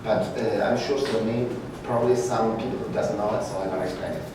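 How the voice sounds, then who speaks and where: Here the Peruvian art faculty lecturer, middle-aged and presenting as a guest at a conference, speaks fairly low in a steady tone, his English halting as he searches for words and fixes his mistakes. The sound comes from a distant room camera rather than a microphone, so the indoor brick-walled hall echoes heavily and background noise comes through.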